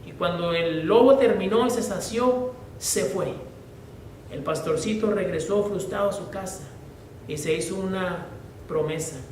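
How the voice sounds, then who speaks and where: A male pastor preaches in an earnest, deliberate way, slowing down to read scripture. His voice sits high for a man and rings around a roomy church hall. The mic is well back, with a faint rumble beneath. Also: darkish tone. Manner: earnest, slow and deliberate when reading scripture. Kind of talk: sermon with storytelling. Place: church sanctuary. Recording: echoey church from a distant mic.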